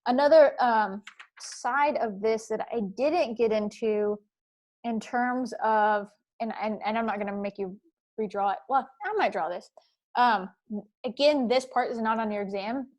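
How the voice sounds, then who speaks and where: A woman lecturing a university class over a video call. Her voice sits a little high. She rambles casually with plenty of fillers and sometimes sings a line for fun. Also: unhurried, darkish tone. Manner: chatty, rambling, many fillers; playful, sings snatches. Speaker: university instructor. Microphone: computer mic on video call.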